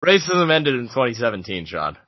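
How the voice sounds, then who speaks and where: A man's voice: mid-range voice, sing-song, a little fast, muffled recording. A young man co-hosting a podcast, joking sarcastically in casual banter. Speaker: podcast co-host. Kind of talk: casual chat.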